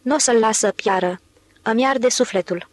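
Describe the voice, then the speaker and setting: A woman narrator voicing a drunk, barefoot man shouting in a frenzy in an audiobook. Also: a little high, natural voice. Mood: frantic. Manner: slurred shouting.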